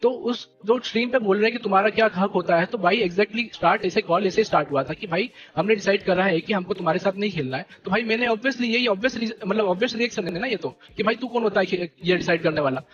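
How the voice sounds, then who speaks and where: A young man leading a gaming team, ranting to his stream viewers in an animated, indignant way and repeating fillers. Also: high-pitched, fast, hardly any pauses, highs cut off, a crowd in the background. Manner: animated and indignant, keeps repeating "theek hai" and "bhai". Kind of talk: heated live-stream rant.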